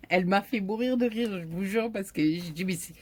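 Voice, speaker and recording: Speaking at a medium pitch and normal speed, a middle-aged woman with a southern French accent rambles casually to her viewers as a YouTube crafter chatting to camera. Fillers and laughs come often, and a little hiss or hum can be heard.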